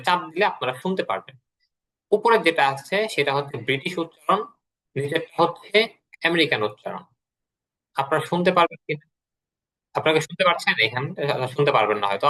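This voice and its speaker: Brief: male online teacher, bright forceful tone, patient step-by-step explaining, call mic. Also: fairly high pitch. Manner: explains step by step, repeats words for drills. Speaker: English teacher. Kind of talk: online class lesson.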